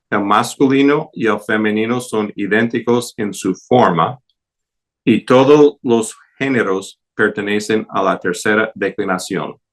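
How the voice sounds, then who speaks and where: A man teaching a Greek class, going slowly and deliberately through word forms one at a time, with English fillers like "okay" and "so". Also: lowish voice, a bit bright. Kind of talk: classroom lecture.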